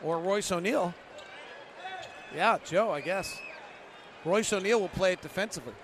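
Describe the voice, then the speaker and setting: A man doing live basketball play-by-play, in clipped running descriptions that burst into excited calls. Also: high voice, moderate pace, crowd noise. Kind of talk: live game commentary. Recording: noisy arena sound. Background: gym noise, bouncing basketball.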